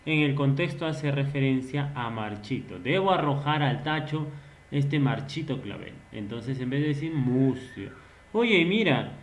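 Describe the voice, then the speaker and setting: A man gives a recorded online lesson in a slow, measured delivery. He explains patiently, asks his students rhetorical questions and acts out short example phrases. The room around him is echoey. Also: medium pitch. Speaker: teacher.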